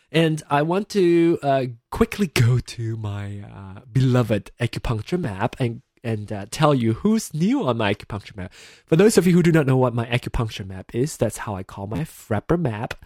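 A man's voice: mid-range voice, dry recording, clean studio sound. Chatty man from Malaysia hosting a podcast. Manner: chatty, giggly, rambling with many fillers. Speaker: podcast host. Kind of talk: casual solo podcast chat. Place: home room at a computer.

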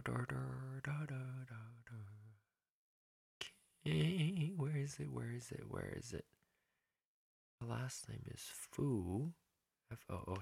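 A man hosts his own podcast, talking casually and rambling in solo podcast style, with many restarts and fillers. His mid-range voice is gravelly, a bit bright and slightly rough, and there's no echo.

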